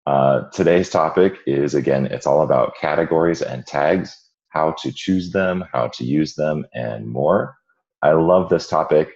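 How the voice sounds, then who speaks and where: Very deep, croaky frog-voiced man. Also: darkish tone, muffled recording. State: croaky, hoarse frog voice from a cold and smoke. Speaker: webinar host and instructor. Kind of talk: informal screen-share tutorial.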